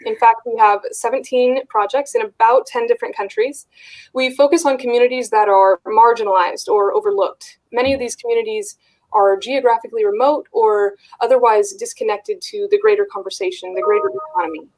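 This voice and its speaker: A woman with a somewhat high voice hosts a virtual fundraiser. She speaks encouragingly and drops in an "uh" before many of her phrases. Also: fairly even intonation, brisk, darkish tone, low-quality recording. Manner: encouraging, with frequent "uh" fillers. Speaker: fundraiser host. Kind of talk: live virtual fundraiser hosting.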